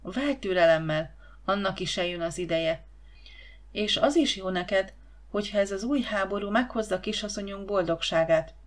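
A woman voicing a gentle, cautious woman servant who talks in a soothing, hushing way. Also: medium pitch, natural voice.

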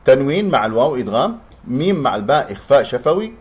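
A man teaching tajweed. He explains pronunciation rules quickly, then recites words slowly and drawn out. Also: mid-range voice, sing-song, husky.

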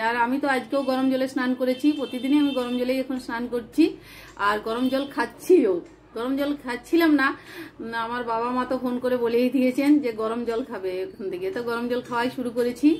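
A woman's voice: high voice, steady tone, a little hiss or hum. A woman vlogging in earnest, casual chat to camera from a room at home, with a cold and a sore throat. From West Bengal, India. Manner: chatty, earnest, talks fast.

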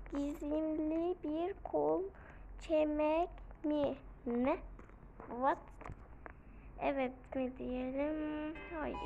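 A woman giving playful, excitable commentary while playing a video game, often shrieking and counting aloud. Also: very high voice, highs cut off. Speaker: gaming video creator. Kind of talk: casual gameplay commentary. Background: game music.

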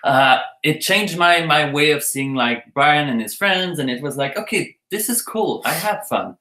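A man's voice: on the high side, animated, a little slow, pushed and bright, roomy sound, low-quality recording. A man casually telling the story of how he met his partner, chatty and playful. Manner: chatty, playful, laughs often. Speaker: co-host telling their story.

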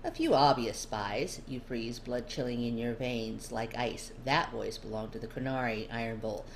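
An amateur fiction reader, a woman with a bass voice, narrates a scripted story in the second person. Her delivery is flat and moderately paced, with clear background noise.

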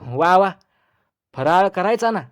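A man's voice: high voice, lively intonation, smooth. A man voicing a foolish, boastful village son-in-law in a comic storybook reading. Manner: naive and boastful, chattering in quick bursts.

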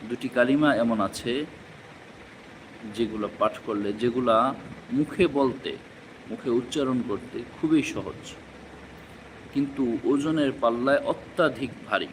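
A man teaching a live Quran recitation class, drilling letter sounds slowly and repeating each syllable for learners. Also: medium pitch, background noise.

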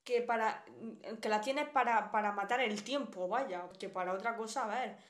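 A woman's voice: fairly high pitch, normal speed. Blunt, chatty young Spanish woman streamer. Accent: Spanish, from Spain. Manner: chatty, blunt, reads viewer comments aloud. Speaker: live streamer. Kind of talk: casual live-stream chat.

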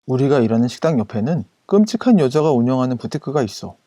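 A man narrating a first-person anecdote as scripted storytelling, in an even, casual retelling style. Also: medium pitch, fast, dry recording, studio quality.

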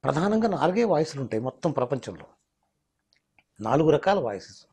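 A man's voice: fairly high pitch, very animated, a little fast, darkish tone, breathy edge. A mimicry artist, explaining his craft in an interview and slipping into demonstration voices. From Telangana, India.

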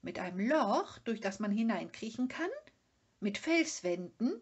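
A woman's voice: medium pitch, sing-song, unhurried, husky. A woman voicing a friendly, curious young male storybook creature who asks easygoing questions.

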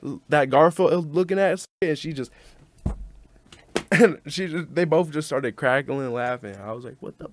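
A man's voice: fairly high pitch, a little slow, slight background noise. Young man teasing strangers on video chat. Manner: teasing, joking, roasting strangers. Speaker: streamer host. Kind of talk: casual video chat banter. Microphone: desk microphone.

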